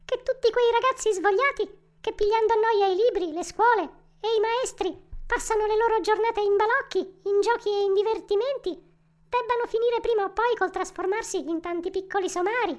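A woman voicing a kind little female marmot who gently consoles a friend in a squeaky, tender voice. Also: moderate pace. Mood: consoling.

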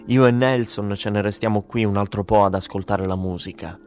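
A man voicing a tipsy, smooth-talking friend who placates others, in an audiobook. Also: lowish voice, fairly even intonation, brisk, a little mellow, soft background music, natural voice. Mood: placating.

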